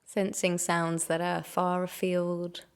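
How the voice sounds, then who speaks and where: A woman guiding a meditation, her voice sitting a little low with a gravelly fry at the edges. She speaks slowly and gently, leaving long pauses between soothing prompts. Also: monotone. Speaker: meditation guide. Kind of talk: guided meditation.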